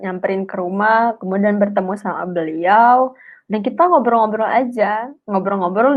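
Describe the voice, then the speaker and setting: A woman's voice: medium pitch, lo-fi sound. A young woman, telling a personal story in a chatty, heartfelt way on a live stream. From Indonesia. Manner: chatty, emotional testimony with slang and fillers. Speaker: speaker sharing a personal story.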